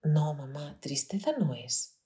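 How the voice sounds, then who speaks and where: A woman voicing a tearful seven-year-old boy who speaks softly and half whispers. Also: sits low, expressive, slow. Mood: tearful, gentle.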